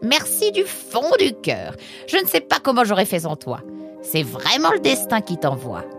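A woman voicing a fussy, excitable female animal who keeps a mill, exclaiming in a high voice. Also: normal speed, music in the background. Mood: amazed. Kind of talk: storybook character voice.

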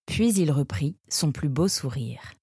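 A woman narrating a children's audiobook in a gentle storytelling manner. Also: low voice, expressive, unhurried, slightly rough, no room sound, clean studio sound.

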